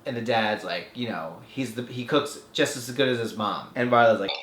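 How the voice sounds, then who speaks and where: A man's voice: mid-range voice, moderate pace, fairly bright tone, echoey room, slight background noise. A man hosting a film podcast, recapping a movie in a sarcastic, casual way and acting out the characters.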